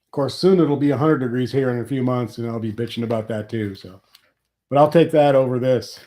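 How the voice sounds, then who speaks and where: Sniffling from a cold, this middle-aged Nebraskan livestream host rambles to his viewers with wry gripes about taxes. He speaks fairly quickly in a medium-pitched, dark-toned voice.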